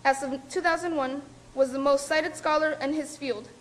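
A woman's voice: high voice, steady tone, normal speed. A young woman, a student organizer, reading a prepared introduction of a speaker in a formal, careful way with small slips. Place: lecture hall with audience.

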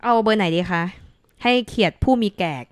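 Clear-voiced woman chatting on a live stream. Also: mid-range voice, a little fast. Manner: playful, chatty, polite particles throughout. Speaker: co-host of an Enneagram live stream. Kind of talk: casual live-stream chat, reading viewer comments.

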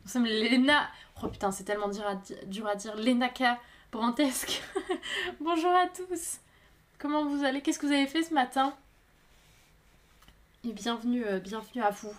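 A woman with a high voice chats to her viewers as she works at her pottery. She talks in a lively, excitable way and apologizes often. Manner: chatty, excitable, quick to apologize. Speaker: potter streaming live. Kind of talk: casual live-stream chat.

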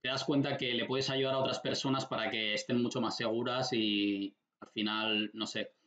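A man's voice: medium pitch, moderate pace. Young man hosting over a dull echoey call. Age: young adult. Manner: relaxed, listening with frequent short backchannels. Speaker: interview host. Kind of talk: casual video-call interview. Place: small room indoors. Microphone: headset on video call.

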